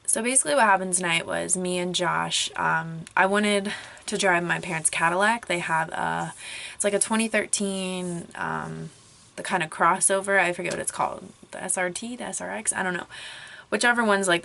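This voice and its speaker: Slightly hoarse from losing her voice, a young woman vlogger rants casually to a camera propped on a crib in her small home closet, surrounded by clothes. She's chatty and full of "like" and "um," her frustration rising, with a lowish, bright, forceful voice of fairly even intonation at normal speed.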